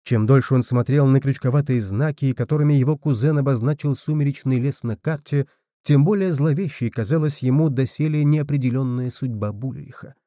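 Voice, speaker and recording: A man narrating a fantasy audiobook in a measured, steady reading. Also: mid-range voice, no room sound, clean studio sound. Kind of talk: scripted narration.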